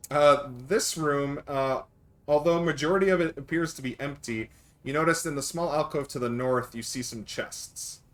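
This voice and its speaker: A man's voice: fairly high pitch, normal speed. A man acting as game master, narrating a tabletop game casually and often thinking aloud with some hesitation.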